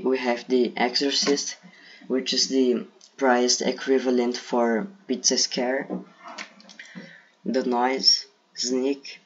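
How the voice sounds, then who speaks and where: With a mid-range voice and a Brazilian accent, a man whose native tongue is Portuguese ranks game characters in English for a casual tier list video he creates. He sounds hesitant, using fillers as he thinks aloud. The recording has the dull quality of a lo-fi mic.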